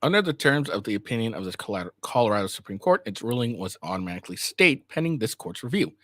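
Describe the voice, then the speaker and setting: A man reading a legal document aloud in a halting way, stumbling over words and correcting himself, with a casual host's delivery. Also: fairly low pitch, big pitch swings, sharp tone.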